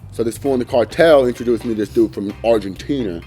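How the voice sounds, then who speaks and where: An actor playing a wary, rambling stoner weed dealer who talks in laid-back slang in a mock street interview. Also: male voice, medium pitch, quick pace, dark tone, faint music behind, lightly acted. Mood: rambling, boastful. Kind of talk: street interview in a comedy sketch.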